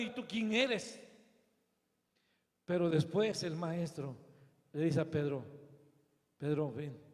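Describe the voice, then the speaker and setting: High-voiced Mexican pastor preaching dramatically. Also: male voice. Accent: Mexican Spanish. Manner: dramatic storytelling, shouting high then dropping soft. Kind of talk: sermon. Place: church. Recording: long church hall reverb.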